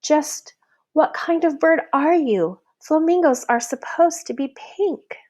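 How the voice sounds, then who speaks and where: A woman's voice: sits high, slow pace, darkish tone, voice pushed up. A woman voicing disapproving flamingo friends in a storybook, speaking in a scolding, emphatic way.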